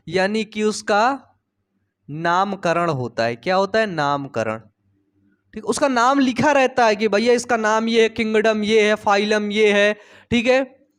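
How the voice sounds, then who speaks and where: A young male biology teacher with a high-pitched voice talks through the lesson in a loose, conversational way. He keeps asking questions and answering them himself, and he slips personal stories in between the facts. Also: clear, resonant tone. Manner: chatty, storytelling, asks and answers his own questions. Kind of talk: casual Hindi lecture.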